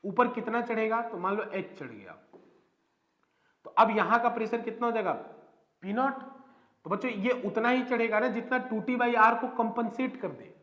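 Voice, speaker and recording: A man's voice: high-pitched, moderate pace, a bit bright. A man teaching a physics class, explaining step by step and constantly quizzing his students. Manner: explains step by step, keeps asking students questions. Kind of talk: classroom lecture. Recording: echoey room, dull lo-fi sound.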